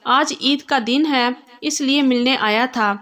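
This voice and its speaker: A woman voicing a gentle lovesick young man who speaks softly and pleads. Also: sits high. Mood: sad pleading. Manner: soft and pleading.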